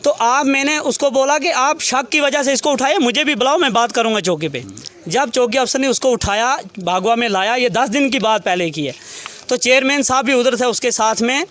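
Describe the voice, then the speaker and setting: A man's voice: very high-pitched, moderate pace, fairly bright tone. A man, a relative of a murder victim, recounting events to a reporter in detail and quoting what each person said.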